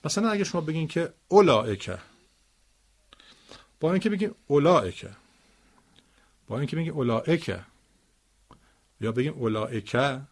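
A man teaching Quran recitation, explaining word stress with spoken examples in a slow, deliberate way. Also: medium pitch, vocal fry, a little mellow, breathy edge.

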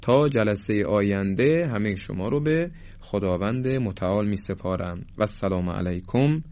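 A man teaching a tajwid lesson in Persian, explaining each sound and then demonstrating it slowly and drawn out. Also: lowish voice, a little mellow, dull audio. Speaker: Quran recitation teacher.

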